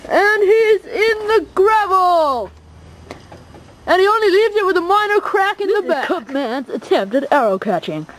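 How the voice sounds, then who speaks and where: A woman doing excitable mock-announcer commentary on a home video, breaking into frequent shrieks. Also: extremely high pitch, moderate pace, poor audio. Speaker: stunt commentator.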